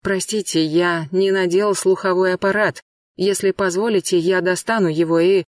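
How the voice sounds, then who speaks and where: A man's voice: high-pitched, steady tone, normal speed, no room sound, studio quality, close to an everyday voice. A man voicing a frail, frightened old man who is hard of hearing and talks in a trembling, pleading way. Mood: flustered. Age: older. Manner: trembling, pleading, asks to repeat.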